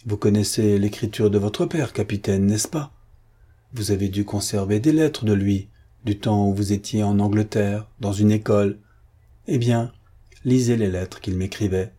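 Steady, insistent old man read by a man; mellow, husky storybook voice. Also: lowish voice, moderate pace.

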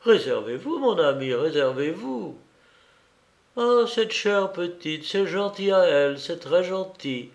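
A man's voice: a little high, lively intonation, moderate pace, gravelly, a little mellow. A man reading aloud voices an effusive, fussy older baroness given to tears. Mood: gushing. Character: gushing, emotional older baroness.

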